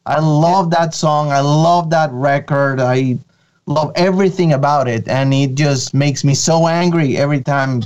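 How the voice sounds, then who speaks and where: A man's voice: a little high, fairly even intonation, a little slow, darkish tone, muffled recording. A man, talking eagerly as an interview guest, with many fillers and restarts. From Venezuela. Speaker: guest, creative director of an animation studio. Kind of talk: casual interview.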